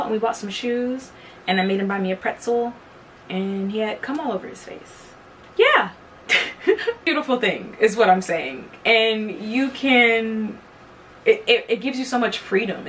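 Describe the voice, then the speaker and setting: Candid young woman, mic a bit distant. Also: medium pitch. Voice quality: candid, profane, chatty. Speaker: podcast host. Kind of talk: casual storytelling monologue. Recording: from the mic, faint background noise.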